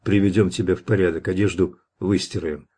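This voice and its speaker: A man voicing a burly strongman father in an audiobook, gruff and matter-of-fact. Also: sits low, steady tone, brisk, dark tone.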